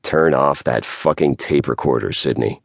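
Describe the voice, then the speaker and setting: A cold, clipped young tycoon, as an audiobook narrator puts him on, dropping his already very deep voice even lower. He talks in short, commanding lines with no warmth. The read is dry and close to the mic. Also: moderate pace, gravelly, no echo, full character voice. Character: cool, curt young rich businessman.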